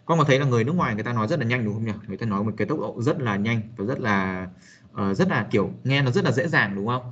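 Against slight background noise and dull audio, a man speaks at medium pitch in an expressive, racing voice. He's teaching a young student casual spoken English, full of fillers and hesitation, and talks to the listener as one would to a child.

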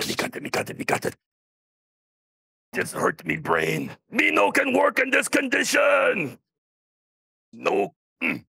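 A man voicing a greedy, childlike cookie-loving monster in a children's game, with a gravelly voice and broken grammar. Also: sits high, bright, forceful tone, no echo, studio quality, full character voice. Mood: fretful. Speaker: in-game character.

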